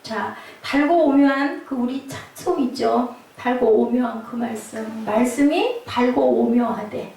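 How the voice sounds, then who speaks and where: A woman preaching to her congregation, her voice gravelly with a warm, dark tone and a slightly high pitch. She keeps turning to the people with quick tag questions. The recording comes from far off in a very echoey church hall. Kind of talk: sermon at a Friday night prayer service. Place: church sanctuary.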